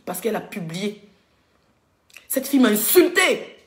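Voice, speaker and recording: A woman blogger with a medium-pitched, very animated voice rants indignantly on a live stream, talking a little slowly. She has a cold, coughs, and speaks straight to her viewers in this heated rant. The room is echoey.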